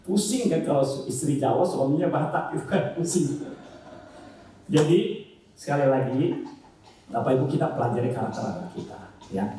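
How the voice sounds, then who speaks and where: Man, church family talk, animated, tag questions, mellow tone, roomy distant sound. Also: a little high, moderate pace, a little hiss or hum. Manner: addresses audience with frequent tag questions; animated, swings between loud and soft. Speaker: church speaker. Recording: echoey church hall from far off.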